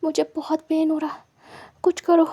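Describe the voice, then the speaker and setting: A woman's voice: sits high, completely flat delivery, moderate pace, mellow. A woman voicing a proud young man in pain, pleading desperately and stumbling over his words. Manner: desperate, pleading, broken repeats.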